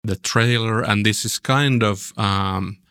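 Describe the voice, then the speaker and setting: Low, unhurried male podcast host. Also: a bit bright, smooth. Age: 40s. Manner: halting, repeats words. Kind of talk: casual chat.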